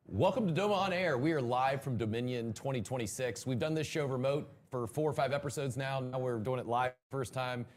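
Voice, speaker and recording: A man hosting a live conference interview show, talking at a brisk clip. His questions tumble out with restarts and energetic asides. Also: mid-range voice. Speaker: podcast host.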